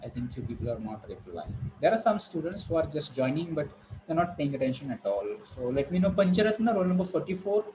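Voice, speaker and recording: A man teaches an online college lesson. His voice sits fairly high, and he explains patiently with repeated phrases and "uh" fillers. Faint background noise runs under the call. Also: lively intonation, darkish tone, poor audio. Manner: explaining slowly with many fillers and repetitions. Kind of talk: online class lecture. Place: online class.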